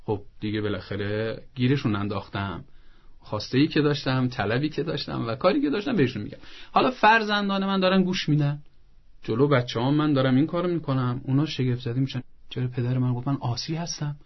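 A man's voice: medium pitch, animated, muffled recording. Man giving didactic parenting advice. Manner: didactic, lays out points one by one; acts out parents' lines in a soft coaxing voice. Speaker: parenting expert guest. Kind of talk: advice talk on a show.

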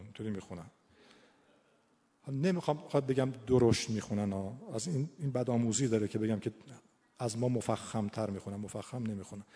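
A man's voice: mid-range voice, a little mellow. A man from Iran giving an informal recitation lesson, thinking aloud and repeating key words for emphasis. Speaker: Quran recitation teacher. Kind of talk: informal teaching talk. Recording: long hall reverb.

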